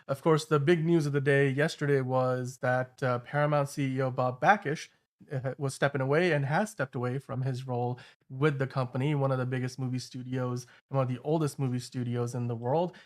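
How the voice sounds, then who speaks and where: A male show host delivers casual news commentary in a middle-pitched voice. He talks loosely and conversationally, wandering into asides as he goes. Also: fairly even intonation, fairly quick.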